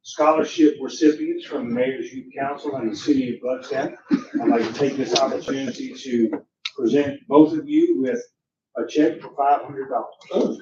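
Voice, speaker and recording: A man's voice: mid-range voice, big pitch swings, moderate pace, highs cut off. A man acting as mayor and chairing a formal meeting. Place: echoey municipal meeting room. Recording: echoey room, distant mic, clear background noise.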